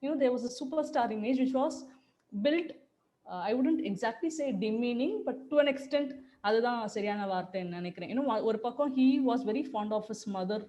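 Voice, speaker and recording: Woman, very fast, mellow voice, dull lo-fi call audio. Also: fairly high pitch. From Chennai, India. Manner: rapid, reflective, switches between languages mid-sentence. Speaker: podcast co-writer, journalist. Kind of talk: conversational interview answer.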